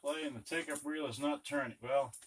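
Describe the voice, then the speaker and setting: With a fairly quick, somewhat high voice, a man presenting an electronics unboxing mutters to himself during a casual hands-on demo. A camera on a tripod records him in a noisy room, picking up clicks and handling noise.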